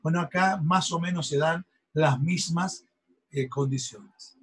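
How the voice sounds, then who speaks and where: A man's voice: fairly high pitch, a little slow, breathy edge, rough recording. A man giving an engineering lecture, explaining step by step and often checking in with his students. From Argentina. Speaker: university lecturer.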